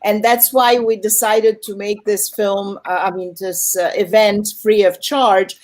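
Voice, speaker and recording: A woman with a mid-range, slightly mellow voice speaks a little slowly and with little pitch movement. As host of a festival's online Q&A, she moderates in a conversational way.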